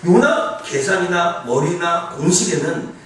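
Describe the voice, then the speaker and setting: Animated male pastor in an echoing church. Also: high voice, a little slow, a little hiss or hum. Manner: animated, conversational, asks the congregation. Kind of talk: sermon. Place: church sanctuary. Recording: echoey church hall from far off.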